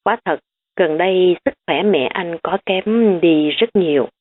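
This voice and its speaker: A woman narrating a family drama audiobook in a measured reading. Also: lowish voice. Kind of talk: scripted story narration. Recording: tinny phone-like recording.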